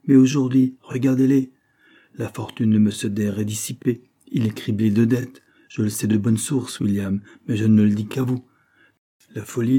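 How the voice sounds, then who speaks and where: A man voicing an older, pious, warm-hearted male manufacturer who speaks fervently and moralizes. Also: mid-range voice, husky, lightly acted.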